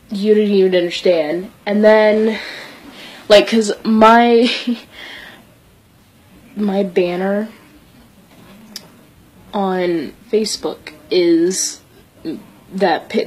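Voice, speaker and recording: A woman's voice: medium pitch, a little mellow, a little hiss or hum, rough recording. A woman recalling her first concert in a rambling way, full of "like". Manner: rambling, heavy use of "like". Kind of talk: casual storytelling.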